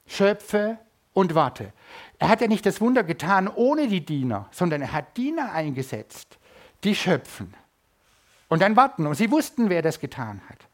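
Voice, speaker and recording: With big pitch swings in a high-sitting voice and a moderate pace, a middle-aged German man gives a sermon at church. He shifts between loud emphasis and quieter asides.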